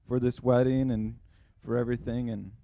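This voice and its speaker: A young man with a mid-range voice gives a sincere wedding toast for his younger brother. He speaks earnestly and warmly to the couple. The sound is dry and close. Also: mid-range voice, little pitch movement, moderate pace, dry recording. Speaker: older brother of the groom giving a toast.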